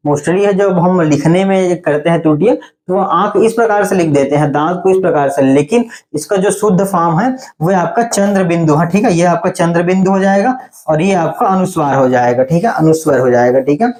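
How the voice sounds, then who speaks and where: A male teacher giving an online Hindi spelling class. He explains slowly and patiently, often stopping to ask whether it is clear. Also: high-pitched, darkish tone. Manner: explains patiently, often says "theek hai" to check in.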